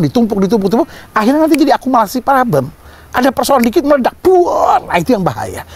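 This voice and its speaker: Animated high-voiced man preaching. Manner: animated, joking asides to the congregation, mock voices. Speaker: pastor. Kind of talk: sermon.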